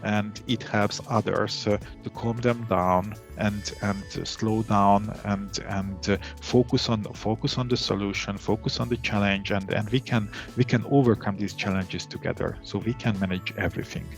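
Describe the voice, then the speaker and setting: A middle-aged man from Hungary, calmly answering interview questions, with many fillers and restarts. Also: lowish voice, moderate pace, few pauses, faint music behind. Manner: calm. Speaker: interview guest, data analytics head.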